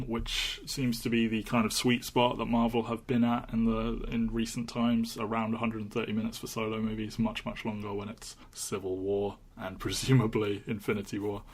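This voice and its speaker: Young British male co-host, animated chat with the odd swear. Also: fairly low pitch. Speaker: podcast co-host. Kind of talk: casual chat.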